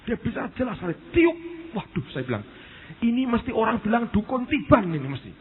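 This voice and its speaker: A man, a pastor preaching a sermon and telling stories with lively asides to the congregation. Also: very high-pitched, fast talker. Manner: animated storytelling, addresses the congregation as "saudara". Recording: tinny phone-like sound with faint noise.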